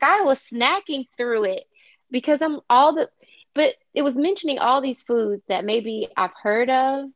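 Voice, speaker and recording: A woman teacher chats about a book with colleagues, her voice sitting a little high. She circles back with fillers as she thinks aloud. The audio is dull and dry, as over a video call. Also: no echo. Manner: chatty, hesitant with fillers. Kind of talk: book club discussion.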